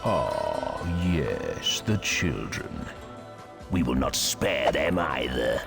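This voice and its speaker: A man voicing a scheming, menacing enemy warlord who gloats slowly. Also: a bass voice, very animated, vocal fry, a bit bright, faint music behind, voice pushed down, full character voice. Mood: sneering. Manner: slow, sneering, gloating.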